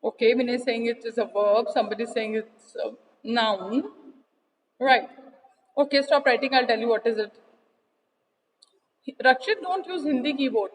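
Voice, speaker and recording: A woman's voice: a little high, extremely slow, long pauses, long reverb tail, low-quality recording. A woman teacher with an Indian accent teaching an online class, switching between Hindi and English and checking in with her pupils.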